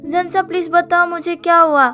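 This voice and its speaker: A woman's voice: very high voice, steady tone, moderate pace, bright, forceful tone, faint music behind, voice pushed up. A woman voicing an anxious young man who fires off pleading questions in a raised, fretful voice. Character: frantic young man fearing for his sister.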